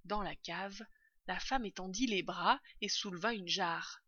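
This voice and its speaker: A woman narrating a children's audiobook in a calm, even storytelling manner. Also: medium pitch, unhurried, dry recording. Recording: dull lo-fi recording.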